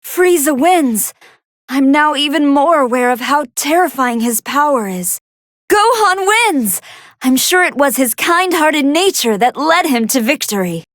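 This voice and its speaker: A woman playing a polite, excitable young android scientist who fights a hidden hunger, giving earnest, articulate commentary in an anime fighting game. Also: sits high, a little slow, dry recording, clean studio sound. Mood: excited, admiring. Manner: articulate, earnest, formal scholarly phrasing.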